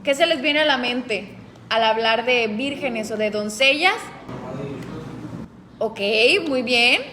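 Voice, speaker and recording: A woman leads a group Bible study in a calm, explanatory way, putting questions to her listeners. Her voice sits high and her pace is slow and deliberate. A long reverb and faint background noise hang around her words.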